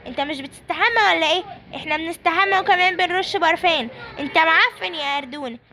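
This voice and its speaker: A woman's voice: extremely high pitch, quick pace, sharp tone, a little hiss or hum, exaggerated voice. A woman with an Egyptian accent voicing bossy young friends who shoo away a smelly pal. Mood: dismissive. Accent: Egyptian Arabic. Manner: bossy, mocking.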